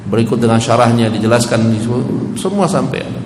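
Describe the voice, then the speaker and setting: A man's voice: medium pitch, fast, darkish tone, a little hiss or hum. Man, preacher, emphatic lecture, echoey hall, long reverb. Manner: emphatic, rhetorical questions to the audience. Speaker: Islamic preacher. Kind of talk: religious study lecture.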